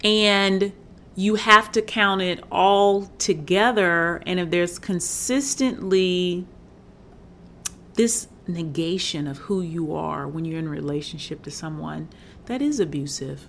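A woman's voice: fairly low pitch, takes it slowly, gravelly, a bit bright, a little hiss or hum. A woman in her forties hosting a podcast, talking candidly and emphatically about her own healing, swearing freely. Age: 40s. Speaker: podcast host and healing coach. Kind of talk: reflective solo podcast talk.

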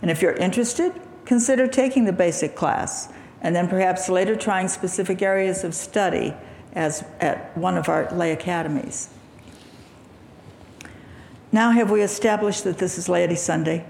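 A woman lay speaker giving an earnest sermon in a church sanctuary, with a throaty, gravelly morning voice. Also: fairly low pitch, a little mellow, slight background noise. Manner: measured, earnest preaching with throat clearing. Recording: echoey hall reverb, faint ambience.

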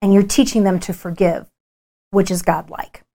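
A woman in her fifties with a mid-range voice, sharing candid family stories during a conference talk. She speaks in a personal, frank, storytelling way, with natural pauses. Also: medium pitch, steady tone, warm tone.

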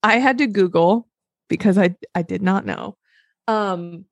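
A woman's voice: medium pitch, a little slow, gravelly, no room sound. A woman co-hosting a podcast in casual chat, chatty and amused. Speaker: podcast co-host.

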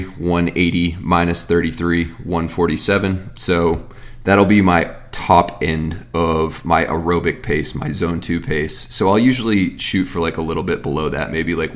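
A fitness coach in his thirties, who also hosts a podcast, speaks in a very low, deep register about training tips. His delivery is loose and rambling, with restarted sentences and casual side comments, as if answering listeners' questions on his show. His intonation stays fairly even and his speed is normal.

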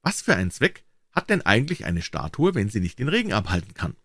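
A man's voice: lowish voice, wildly swooping pitch, brisk, fairly bright tone, no echo, heavily acted. A man voicing a small, proud male swallow in a storybook reading, talking in a chirpy, fussy, self-important way. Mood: pleased, puzzled.

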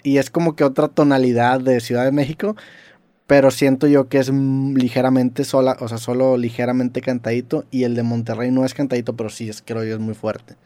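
A man's voice: medium pitch, little pitch movement, brisk, warm tone, no echo. A young man hosting a casual podcast chat, talking in a chatty way with many restarts. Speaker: podcast host. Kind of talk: casual conversation.

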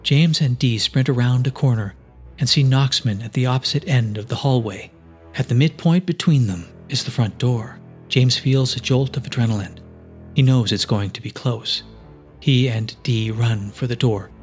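A man narrating a fantasy adventure story in steady, dramatic scripted narration. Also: mid-range voice, moderate pace, faint music behind. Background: faint musical score.

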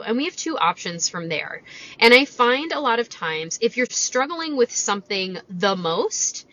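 A woman's voice: mid-range voice, pushed and bright. A woman talking casually as a fitness coach and podcast host, explaining things conversationally and checking in with rhetorical questions, recorded inside a parked car. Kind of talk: casual solo podcast talk, coaching advice. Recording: slightly dull lo-fi car recording.

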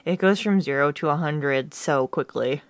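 A woman with a notably low voice co-hosts a casual podcast and talks in a relaxed, chatty way. The recording is dry and close, with no room sound. She laughs easily between her points. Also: moderate pace, no echo. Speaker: podcast co-host.

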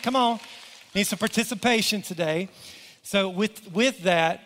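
A man with a high voice preaches to his congregation in a church auditorium. He tells his story with energy and calls on the crowd to join in. His voice rings out with a long reverb from the hall. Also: fairly bright tone. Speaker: pastor. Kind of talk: sermon.

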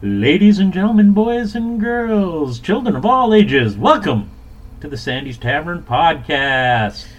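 A man playing a grand circus ringmaster announcer with a showy, drawn-out delivery. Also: on the high side, big pitch swings, highs cut off, pitched above the performer's own voice. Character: booming circus ringmaster announcer welcoming a crowd. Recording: clear background noise.

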